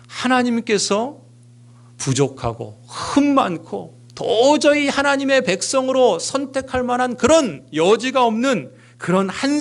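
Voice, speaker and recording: A middle-aged male pastor delivers a sermon in a church sanctuary, his voice sitting fairly high and leaping up and down in pitch. He lands key words with force, then sinks into hushed, almost whispered lines. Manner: emphatic, swinging between raised stresses and hushed near-whispers.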